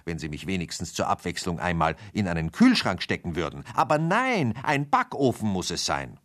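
A man's voice: low-pitched, sing-song, moderate pace, fairly bright tone, pitched above the performer's own voice. A man voicing a weary witch in a bedtime story, grumbling and complaining. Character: weary witch, fed up with her fairy-tale role.

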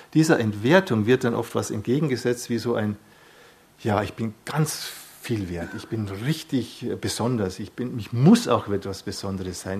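A man with a low voice that has a breathy, husky grain. He talks as a psychotherapist and explains things calmly. He often rephrases himself mid-sentence and adds tag questions. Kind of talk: calm explanatory talk.

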